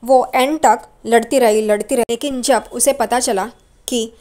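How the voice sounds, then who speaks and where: A protective young husband talks his wife through her worries in blunt, casual street speech, read by a woman narrator. The voice sits a little high and stays close to an everyday tone. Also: fairly even intonation, a little slow, darkish tone, close to an everyday voice. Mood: consoling. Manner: reassuring, plain-spoken street Hindi.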